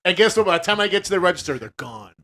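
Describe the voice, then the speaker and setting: A man co-hosting a podcast, telling stories in a casual, profane, animated way, laughing often and acting out voices. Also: sits high, rapid-fire, crowd noise. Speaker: podcast co-host. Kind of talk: casual chat, storytelling.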